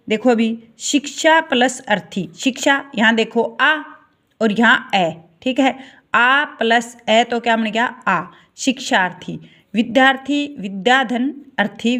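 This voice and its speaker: A woman's voice: a little high, fairly bright tone. A woman teaching a Hindi grammar class, spelling out vowel sounds one by one and checking with students as she goes. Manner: slow, repeats "ठीक है" and asks checking questions.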